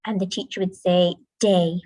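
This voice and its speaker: Low-voiced teacher explaining to parents. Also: female voice, fairly even intonation, normal speed, a little mellow, no echo, rough recording. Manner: clear, patient explaining with modelled classroom chants. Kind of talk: presentation to parents. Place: school, indoors.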